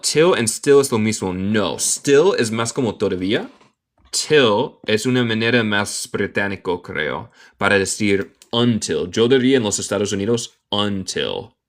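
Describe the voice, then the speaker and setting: An American man from Michigan who speaks English natively, reading a story aloud word by word in a slow English lesson and explaining it in Spanish. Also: lowish voice, expressive. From United States. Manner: reads English word by word very slowly, then explains in Spanish, answers chat. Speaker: English teacher, live streamer.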